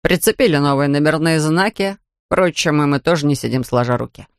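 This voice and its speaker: A man's voice: a little high, fairly quick, clear, resonant tone, dry recording, pitched below the performer's own voice, lightly acted. A man voicing a stern, weary male police officer in an audiobook, with a dry, official manner of speaking. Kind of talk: audiobook character voice.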